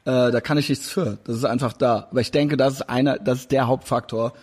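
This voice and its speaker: Husky and somewhat dark, his mid-range voice stays steady while running a little fast. He's a man in his forties hosting a relaxed video-call interview, full of fillers and restarts as he rambles.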